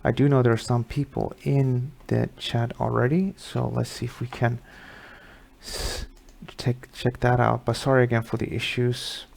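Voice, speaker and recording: A man's voice: mid-range voice, level tone, moderate pace, creaky, darkish tone. A middle-aged man from Sweden hosting a live market webinar, talking casually through charts with many fillers.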